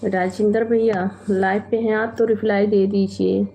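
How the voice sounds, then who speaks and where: A woman hosting a casual late-night live stream from home, chatting unhurriedly with viewers, reading out their comments and gently scolding them. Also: medium pitch, level tone, normal speed, slight background noise.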